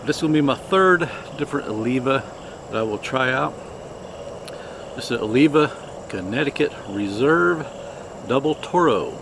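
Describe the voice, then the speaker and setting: A man hosting a casual product review, talking in an unhurried, halting, plainspoken way. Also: medium pitch, animated, gravelly, background noise. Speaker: cigar review host.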